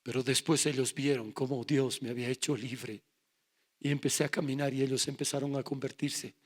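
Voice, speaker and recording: A man's voice: mid-range voice, level tone, brisk. A middle-aged male pastor giving a sermon, telling his testimony and acting out his family's voices. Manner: acts out family dialogue in raised voices.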